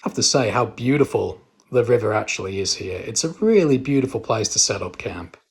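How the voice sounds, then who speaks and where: A man's voice: lowish voice, expressive, brisk, gravelly, husky. A man narrating a camping vlog in a chatty, informal storytelling way. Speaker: camping vlogger. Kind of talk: casual travel vlog narration.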